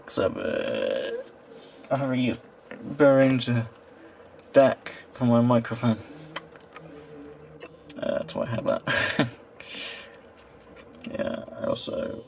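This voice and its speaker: A man with a gravelly, creaky voice, talking casually about his computer hardware. He hesitates often and lets his sentences trail off. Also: mid-range voice, wildly swooping pitch, slow, pauses often, a little hiss or hum. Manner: hesitant, lots of ums and trailing off. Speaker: tech vlogger. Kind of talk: casual chat while showing his computer.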